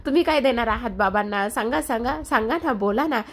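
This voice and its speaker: A woman voicing a gentle, wistful young daughter-in-law in a retold serial, speaking softly and pleadingly. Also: on the high side, fairly quick.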